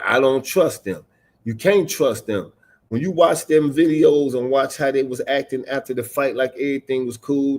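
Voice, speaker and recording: A man teaching scripture on a livestream, mixing casual slang with slow, stressed readings of old verses. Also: medium pitch, a little mellow. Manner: emphatic, stresses single words while reading scripture aloud; casual street slang mixed with King James reading. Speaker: religious teacher.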